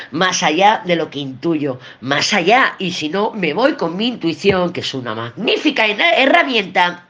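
A woman's voice: lowish voice, fairly bright tone. A woman with a Spain Spanish accent giving a weekly tarot reading, blunt and emphatic, swearing and repeating herself for emphasis. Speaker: tarot reader.

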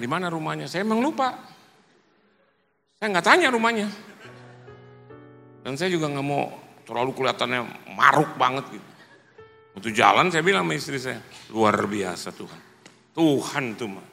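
A man from Indonesia delivers a sermon as a pastor, with a gravelly, bright edge to his voice. He tells his stories animatedly and acts out the dialogue. His voice rings through a reverberant church hall over soft music. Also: medium pitch. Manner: animated storytelling, acting out dialogue, laughing.

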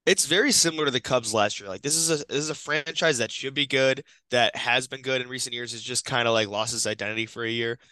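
Young male podcast co-host, bright morning voice, dry close mic, keeps the chat moving. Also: medium pitch, quick pace, hardly any pauses, no room sound, poor audio. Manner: upbeat, steers the talk. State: just woken up, morning voice. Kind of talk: casual sports podcast chat.

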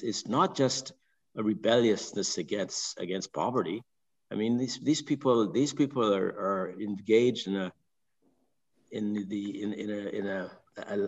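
An older man with a Barbadian accent from Barbados, calling in with a long, halting comment full of restarts and repeated words. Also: lowish voice, a little mellow, breathy edge, highs cut off. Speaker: caller. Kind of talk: call-in question. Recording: long reverb.

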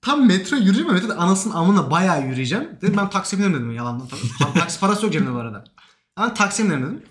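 Young man guest, tells his story fast with lively swings in pitch, roomy echo. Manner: animated, emotional retelling with quoted dialogue. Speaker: podcast guest. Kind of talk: casual storytelling. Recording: echoey room.

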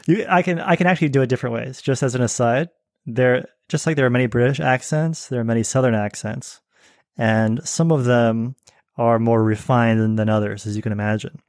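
A man talks through ideas as a podcast guest, thoughtful and explanatory. He has a dry sense of humor. His voice sits at an average male pitch and is recorded dry. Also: steady tone, brisk, darkish tone, no echo. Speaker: guest, newsletter writer. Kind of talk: casual podcast conversation.

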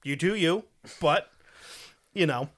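A man's voice: on the high side, slow, fairly bright tone. A man hosting a podcast, telling a true crime story in a crude, profane, joking way. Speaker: podcast host.

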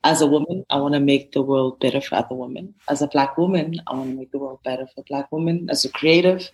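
A woman's voice: extremely low pitch, steady tone, fast talker, darkish tone, poor audio. A woman who founded a creative agency, talking earnestly and animatedly in a casual interview, with lots of fillers.

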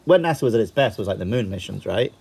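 A man's voice: fairly low pitch, expressive, fast talker, creaky, darkish tone, slightly rough. A man co-hosting a podcast, chatting casually about a film in a dry, matter-of-fact way with the odd swear word.

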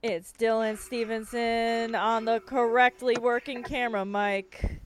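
A woman's voice: a little high, flat delivery, a little slow. An American woman co-hosting a casual comedic podcast, speaking into an earbud headphone mic. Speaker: podcast co-host. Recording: earbud mic with rustle and noise.

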